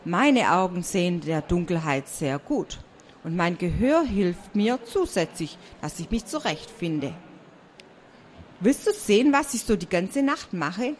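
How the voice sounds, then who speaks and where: A woman voicing a friendly, lively young male bat in a storybook read aloud, chatty and bright. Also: on the low side, unhurried, a little hiss or hum. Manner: bright and chatty, sleepy when woken.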